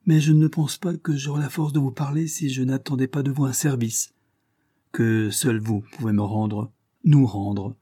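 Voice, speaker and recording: A man's voice: on the high side, little pitch movement, brisk, few pauses, dark tone, husky, no room sound, studio quality, voice pushed up. A man reading the lines of an anguished young mother, in a pleading, weary voice heavy with grief. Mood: solemn. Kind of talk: audiobook character reading.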